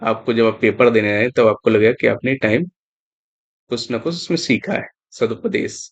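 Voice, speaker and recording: A man's voice: medium pitch, expressive, normal speed. Man teaching spelling over dull audio. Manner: repetitive, emphatic, stresses importance. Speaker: exam prep teacher. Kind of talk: explaining spelling on screen.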